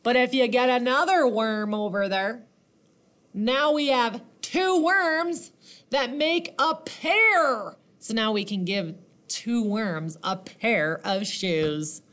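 A woman reading a picture book aloud to children like a teacher, animated, asking questions and counting along. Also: a little high, slow.

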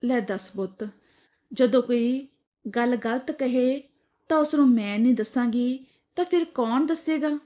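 A woman reading as a gentle elderly mother. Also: on the high side, measured pace, close to an everyday voice. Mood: pleading. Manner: soft, placating. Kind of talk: storybook dialogue reading.

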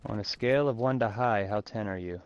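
A man's voice: fairly low pitch, fairly quick, lo-fi sound, slight background noise. Crude laid-back young gamer man. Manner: crude joking, laid-back, swears a lot. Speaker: gamer in party chat. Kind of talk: casual gaming chat.

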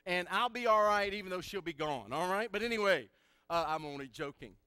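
A male pastor preaching a sermon in church, emphatic and animated, with joking asides. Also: high-pitched, brisk, clean tone, no echo.

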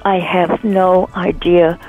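A woman's voice: on the low side, little pitch movement, takes it slowly, soft background music. An older woman on a phone call, confused at first, then laughing and playing along. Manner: bewildered, laughs easily. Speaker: prank call target. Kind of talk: phone conversation. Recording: muffled phone line.

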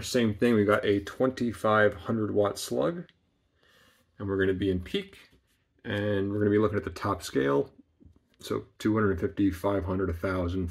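Relaxed man demoing gear, low voice. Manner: relaxed, plain-spoken, frequent ums. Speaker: amplifier builder demonstrating equipment. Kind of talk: casual equipment demo. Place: small workshop indoors.

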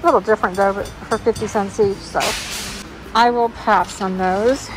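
With a handheld phone filming the shelves, a vlog host and thrift reseller narrates her trip through a large indoor warehouse-style thrift store in casual, think-aloud fashion. She speaks at medium pitch and a moderate pace with fairly even intonation, and the background is noisy.

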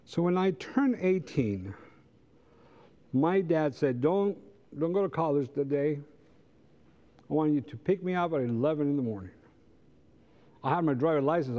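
The speaker is a middle-aged man from Costa Rica, Spanish his first language and his accent Costa Rican, teaching a congregation's Sabbath school class with a conversational style and rhetorical questions. He stands before the pews of a large sanctuary; his voice is on the high side and the sound is lo-fi.

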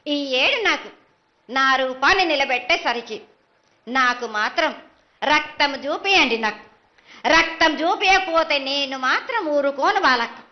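A woman's voice: sits high, animated, normal speed, highs cut off. A woman with a Telangana Telugu accent delivers a ritual prophecy in a trance voice as a goddess, commanding and admonishing. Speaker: oracle speaking as a goddess at a festival.

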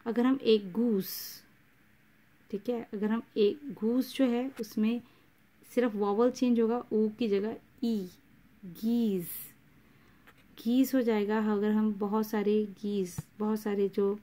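A woman gives a slow, patient lesson. Her voice is mellow and a little dark, and she repeats each example before moving on. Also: mid-range voice, fairly even intonation. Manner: patient, repeats each example, mixes English words into Hindi. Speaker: English teacher. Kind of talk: explaining English grammar in Hindi.

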